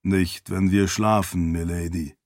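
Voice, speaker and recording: A man's voice: deep voice, fairly even intonation, a little slow, darkish tone, no room sound, studio quality, pitched below the performer's own voice. A man voicing a polite, wry male spirit servant in an audiobook, speaking with formal deference. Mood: dry, deferential. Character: dry-witted male spirit servant, a floating light.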